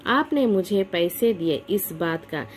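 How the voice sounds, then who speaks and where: A woman reading the part of a meek, timid young governess who speaks softly and hesitantly. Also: on the low side, expressive, slow pace.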